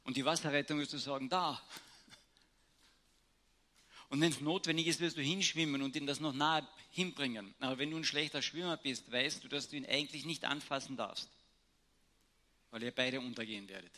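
A man preaching a sermon, telling Bible stories with shifts between hushed and raised emphasis. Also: mid-range voice, moderate pace, long pauses.

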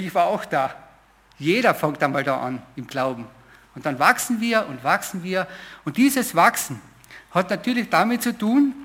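Middle-aged male preacher, fairly high voice, loose testimony-style sermon with restarts. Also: a bit bright. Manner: informal storytelling, with hesitations and repeated phrases.

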